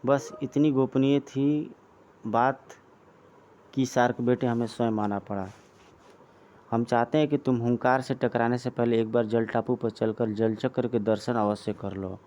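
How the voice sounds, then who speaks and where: A man's voice: mid-range voice, steady tone, unhurried, darkish tone, highs cut off, lightly acted. A man reading aloud the lines of a formal, secretive queen from a comic. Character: stately middle-aged queen, stepmother.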